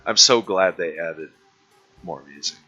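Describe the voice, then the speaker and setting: With a low, slightly slow voice that's pushed and bright with a breathy edge, a man acts as game master for a tabletop game. He teases his players, laughs often, and demands they phrase their questions precisely, all over dull lo-fi stream audio with faint music.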